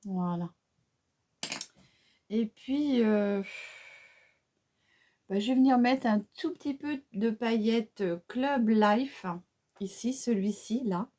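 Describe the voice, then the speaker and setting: A French-accented woman talks through a makeup tutorial at a slow, unhurried pace. Her voice is mellow and warm rather than bright. She chats casually, hesitating often with fillers and restarts. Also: on the high side. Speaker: beauty vlogger.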